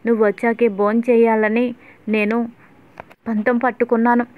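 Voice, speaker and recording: Whiny doting mom type, middle-aged, read by a woman, higher voice, phone-y sound. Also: level tone, normal speed, close to an everyday voice. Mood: tearful. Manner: complaining, accusing. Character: complaining middle-aged mother doting on her son. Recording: tinny phone-like audio.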